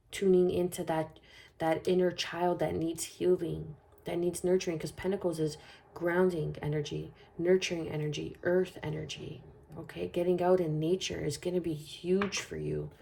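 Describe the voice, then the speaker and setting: A woman's voice: lowish voice, vocal fry, dark tone. A woman giving a spoken tarot reading in a flowing, soothing way, often checking in with "okay?". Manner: flowing, soothing, repetitive phrasing with frequent "okay?". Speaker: tarot reader.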